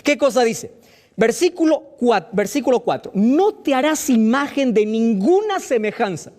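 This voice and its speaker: Animated preaching man, lively pitch. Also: normal speed. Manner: rhetorical questions to listeners, emphatic and animated. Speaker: pastor. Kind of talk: sermon.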